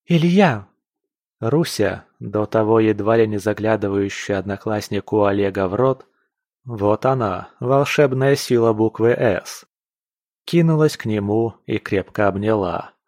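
A man narrating a fantasy audiobook in a steady, plain storytelling manner. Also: on the low side, normal speed, no echo, studio quality. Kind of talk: scripted fiction narration.

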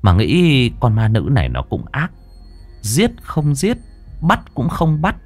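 A man's voice: medium pitch, huge pitch swings, slow pace. A man narrating a ghost story in a vivid, colloquial storytelling manner. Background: soft music.

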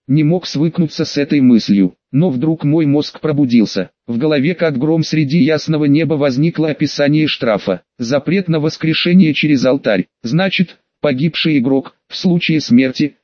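A man narrating a first-person audiobook with steady, even reading. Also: a little high, no room sound, highs cut off.

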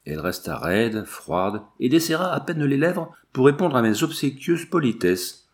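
A man narrating a classic novel as an audiobook, in an expressive, literary and gently ironic manner. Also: medium pitch, normal speed. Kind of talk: scripted narration.

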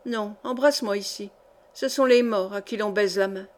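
A woman voicing a frail, fretful dying noblewoman in an audiobook, soft and plaintive. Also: mid-range voice, moderate pace, close to an everyday voice. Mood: querulous. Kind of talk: audiobook character reading.

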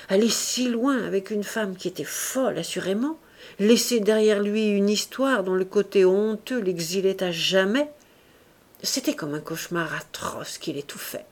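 Lady reading an old novel out loud, steady and clear, mid pitch. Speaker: audiobook narrator. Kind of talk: scripted narration.

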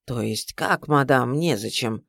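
A man's voice: medium pitch, a little slow, creaky, fairly bright tone, dry recording, studio quality, pitched below the performer's own voice. A man reading aloud, voicing a fussy old-fashioned doctor who scolds his patient with mock exasperation. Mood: scolding.

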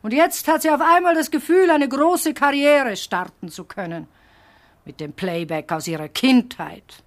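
An actress playing a haughty, caustic singing teacher in a comedic radio drama, with theatrical, cutting delivery. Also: female voice, medium pitch, animated, normal speed, lightly acted. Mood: caustic, dismissive.

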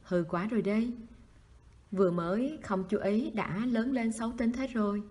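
An elderly, warm grandmother in an audiobook, read by a woman with a husky voice. She chides with fondness rather than anger. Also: on the high side, normal speed, close to an everyday voice. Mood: fond.

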